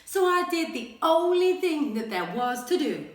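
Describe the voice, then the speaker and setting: A woman's voice: high voice, big pitch swings, measured pace. A woman voicing a male storybook wolf who tells his side in a folksy, mock-innocent, confiding way for children. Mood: chatty, self-justifying. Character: chatty, self-justifying male wolf telling his side. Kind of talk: animated storybook read-aloud for children. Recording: echoey, reverberant room.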